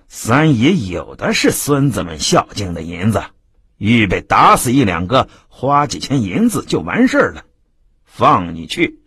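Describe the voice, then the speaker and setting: Menacing bully lawman, loud and boastful, as a male narrator puts him on, husky edge. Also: lowish voice, dry recording, studio quality, heavily acted. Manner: loud, gloating, threatening. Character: swaggering male bully constable, coarse and menacing.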